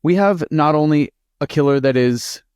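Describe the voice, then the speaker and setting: A man co-hosting a podcast, telling a true-crime story in a casual, animated and profane way. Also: on the high side, normal speed, clear, resonant tone, no room sound, clean studio sound. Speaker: podcast co-host.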